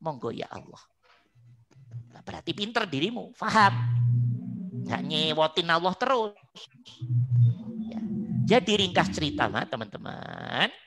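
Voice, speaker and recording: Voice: mid-range voice, sing-song, a little slow, gravelly, long pauses, bright, forceful tone, slight background noise. A religious teacher, giving an online study lecture in emphatic, repeating rhetorical lines and putting questions to the listeners.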